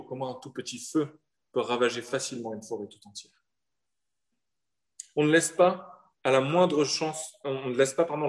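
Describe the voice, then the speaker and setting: A man from southern France preaching a sermon in an earnest manner, with rhetorical questions and slowed-down emphasis. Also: mid-range voice. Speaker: pastor.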